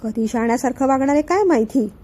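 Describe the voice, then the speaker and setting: Woman narrator for a family story audiobook, high pitch, mellow tone. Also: fairly quick. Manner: steady expressive narration. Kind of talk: reading a family novel aloud.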